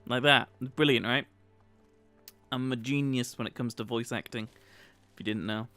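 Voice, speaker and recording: A man with a northern English accent giving jokey, excitable commentary while livestreaming a video game. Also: mid-range voice, moderate pace, clear, resonant tone, faint music behind. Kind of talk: casual gameplay commentary.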